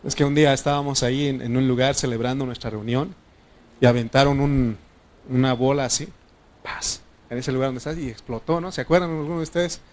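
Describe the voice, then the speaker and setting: A man with a Mexican Spanish accent preaching a sermon as pastor, swinging between loud declarations and quiet asides to the congregation. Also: medium pitch, fairly even intonation, a little fast.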